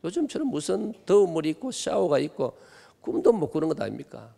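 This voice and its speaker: A man in his sixties with a Gyeongsang accent preaches a revival sermon in a gravelly voice, throwing emphatic questions at his congregation. His pitch swings widely, and long church-hall reverb trails each phrase. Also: sing-song, brisk, warm tone. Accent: Gyeongsang Korean. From Gimhae, South Korea. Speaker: guest pastor. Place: church sanctuary.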